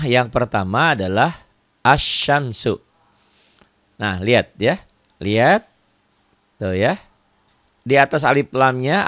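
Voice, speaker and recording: A man's voice: mid-range voice, no echo. Patient male Quran reading teacher. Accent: Indonesian. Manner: patient, repetitive, pointing at examples. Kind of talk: online recitation lesson.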